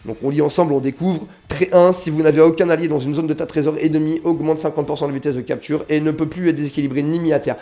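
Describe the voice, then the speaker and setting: A young man who makes mobile game videos talks to his viewers with a slight cold, calling them "les gars" and often reading game text aloud. His commentary is chatty and slangy, delivered in a higher, mellow, steady voice at a quick pace with hardly any pauses.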